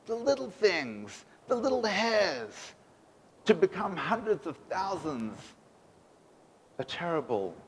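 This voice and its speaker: A man's voice: sits high, slightly rough. A man giving a sermon as a rabbi, preaching emphatically with rhetorical questions in a synagogue. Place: synagogue sanctuary. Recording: echoey synagogue hall.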